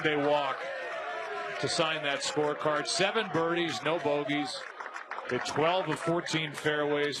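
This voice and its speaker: A man doing live golf commentary in short, declarative phrases. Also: a little high. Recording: very noisy outdoor broadcast. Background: loud outdoor ambience.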